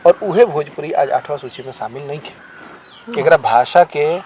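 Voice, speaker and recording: A man's voice: fairly high pitch, lively intonation, measured pace, dark tone, slight background noise. A man with a Bhojpuri accent hosting a podcast, asking long conversational questions. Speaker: podcast host. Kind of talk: interview questions.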